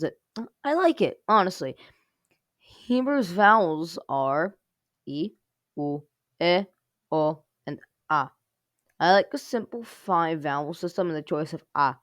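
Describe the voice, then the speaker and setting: A woman's voice: fairly low pitch, clean tone, no room sound, studio quality. A woman hosting a casual language review show, rambling and peppering her talk with "like". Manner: rambling, heavy use of filler "like". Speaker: host.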